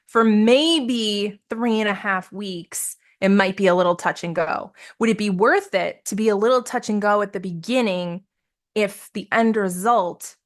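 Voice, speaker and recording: A woman leading a live coaching session, upbeat and encouraging, laughing often as she talks with participants over a video call. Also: medium pitch. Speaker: business coach.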